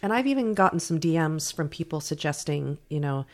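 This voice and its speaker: A woman's voice: low voice, lively intonation, fairly quick, darkish tone. A woman co-hosting a podcast in casual chat, her voice scratchy from a sore throat. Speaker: podcast co-host.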